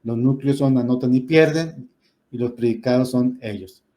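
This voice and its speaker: A man's voice: mid-range voice, normal speed, dark tone. A man teaching a grammar lesson, explaining patiently and often checking in with "¿verdad?". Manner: patient, explanatory, many "este" fillers and rhetorical "¿verdad?".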